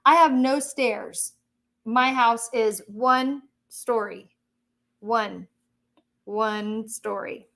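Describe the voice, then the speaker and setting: A woman's voice: fairly high pitch, drawn-out words, vocal fry, pauses often, a bit bright. A chatty woman hosting a casual livestream, laughing often and reading viewer comments. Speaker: livestream host.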